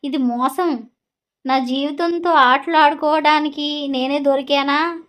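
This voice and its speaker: Woman reading a hurt young husband, accusing, high voice, storybook audio. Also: steady tone, slow pace, fairly bright tone. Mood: furious. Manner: accusing outbursts.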